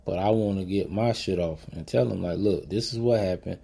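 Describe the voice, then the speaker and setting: A man tells his own story straight to the listener, blunt and heavy with cursing. His low, gravelly voice stays dark and mellow as he pushes his point home. He leans into encouragement like a podcast host talking to his regulars. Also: brisk. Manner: emphatic, blunt and profane, turning motivational. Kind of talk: personal storytelling monologue.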